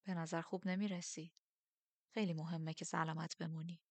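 A woman voicing a ragged, fanatical male priest who speaks in a hushed, slow, creeping way. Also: deep voice, flat delivery, no echo. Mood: hushed menace.

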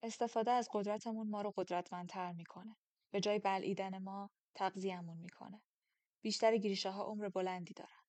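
A woman reading an audiobook, voicing an ancient, powerful man who looks young and speaks quietly and tersely. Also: fairly even intonation, dry recording, close to an everyday voice. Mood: calm, explaining. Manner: quiet, low-key and terse. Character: centuries-old powerful man looking young, calm and guarded.

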